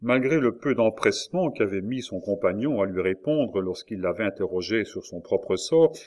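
A man narrating an audiobook in a measured, solemn way. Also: fairly low pitch, animated, darkish tone. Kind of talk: audiobook reading.

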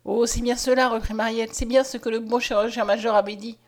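A woman's voice: fairly high pitch, steady tone, brisk, darkish tone, lightly acted. A woman voicing a hopeful, devout young peasant girl who speaks fervently and tenderly. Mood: earnest.

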